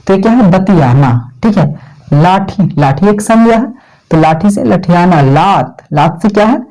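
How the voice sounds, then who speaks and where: A man's voice: high-pitched, mellow, low-quality recording. A young man giving a casual grammar lesson for exam students, constantly asking questions and answering them himself. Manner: repeats "thik hai" and quizzes the viewer. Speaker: teacher. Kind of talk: casual Hindi grammar lecture.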